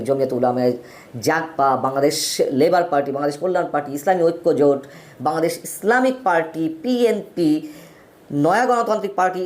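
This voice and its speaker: Brief: male host, solo political commentary, emphatic with wide pitch swings, rattles off lists. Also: a little mellow. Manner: emphatic, pitch swings widely between phrases; lists names in quick runs. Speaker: political talk show host.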